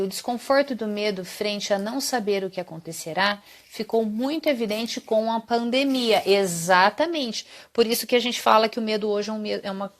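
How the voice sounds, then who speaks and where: A woman hosting a live psychology talk, explaining patiently and often checking in with the viewers. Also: mid-range voice. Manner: explanatory, often adds tag question 'né'. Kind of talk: live stream talk answering viewer comments.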